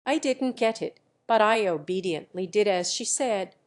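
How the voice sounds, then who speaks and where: A woman narrating a romance story in a steady, even storytelling voice. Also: medium pitch, moderate pace. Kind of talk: scripted audiobook narration.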